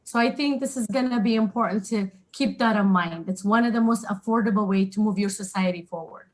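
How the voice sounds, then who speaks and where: A woman from Ethiopia speaking as a webinar panelist, earnest and reflective, a little halting. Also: mid-range voice, rough recording. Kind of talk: spoken remarks on a webinar. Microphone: video call.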